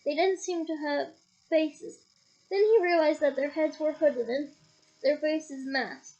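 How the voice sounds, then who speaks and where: High-voiced woman reading a novel aloud. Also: measured pace, a little mellow, poor audio. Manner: casual, stops to comment and laugh. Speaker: audiobook reader.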